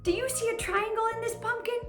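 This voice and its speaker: The children's teacher has a very high, fairly bright voice with fairly even intonation. Leading a lesson and read-aloud, she exaggerates her delivery for young listeners and pauses after her questions, with echo and plucked guitar music behind her.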